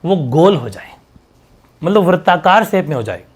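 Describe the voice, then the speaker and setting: A man teaching an exam-prep lesson, drawing out sounds slowly to show them and repeating each term several times. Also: a little high, sing-song, husky. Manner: stretches sounds slowly to demonstrate, repeats terms.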